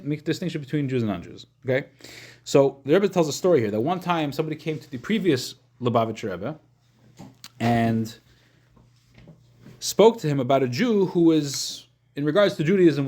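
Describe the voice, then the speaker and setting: A man's voice: a little high, animated, fairly quick, a little mellow. A man teaching an informal religious class as a rabbi, explaining in a questioning way and often repeating and rephrasing as he goes. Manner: questioning, checks in with listeners using short questions.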